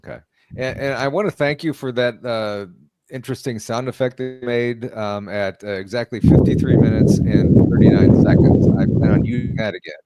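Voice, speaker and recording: A man's voice: mid-range voice, fairly even intonation, moderate pace. A male podcast host who jokes around and asks his guest questions, leaning on many fillers. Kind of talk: casual podcast chat.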